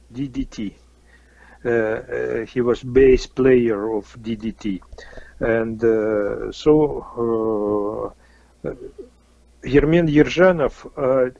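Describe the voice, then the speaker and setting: A man from Kazakhstan with a Russian accent, answering interview questions haltingly with many fillers and restarts. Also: mid-range voice, creaky, warm tone, no echo, muffled recording. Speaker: interview guest, musician.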